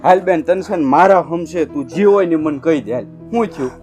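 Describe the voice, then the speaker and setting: Man acting as a reassuring elder village brother, coaxing, slightly high voice. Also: brisk, darkish tone, soft background music, lightly acted.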